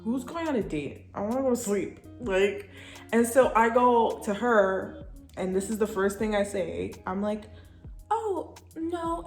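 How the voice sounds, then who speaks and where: A young woman from Canada, chatty and animated, telling a story in a vlog. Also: fairly high pitch. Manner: animated, chatty, often breaks into laughter. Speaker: vlogger. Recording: echoey room.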